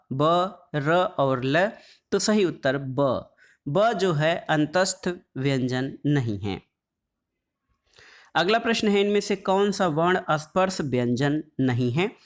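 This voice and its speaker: A man teaching an exam-prep lesson on Hindi phonetics, reading quiz questions and then explaining the answers, drawing out letter sounds slowly as he lists them. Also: a little high. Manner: draws out sounds slowly when listing letters; calls the audience "friends".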